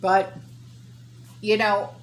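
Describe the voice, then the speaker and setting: A woman's voice: medium pitch, level tone, extremely slow, slight background noise. A woman vlogging casually to her viewers, talking in a blunt, emphatic, folksy and sweary way. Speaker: vlogger addressing channel viewers. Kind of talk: casual opinionated vlog talk.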